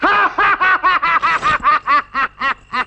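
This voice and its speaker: A gloating gravelly bandit. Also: male voice, very high-pitched, expressive, measured pace, heavily acted. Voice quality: gravelly, laughing loudly. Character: gleeful gravelly bandit, greedy and boastful. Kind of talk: 1980s film acting.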